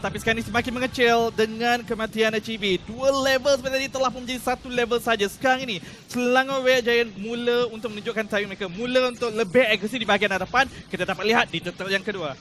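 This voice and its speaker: A Malaysian man provides live esports analysis in articulate, formal phrasing. His pitch is extremely high for a man and his pace is quick. The tone is sharp and forceful. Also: steady tone, slight background noise.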